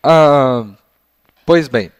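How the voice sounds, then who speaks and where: A man teaching Latin for young children to parents, patient and explanatory, his voice slightly failing as he often clears his throat. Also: on the high side, no room sound, muffled recording. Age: adult. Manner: patient and explanatory, models phrases slowly. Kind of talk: explanatory lesson.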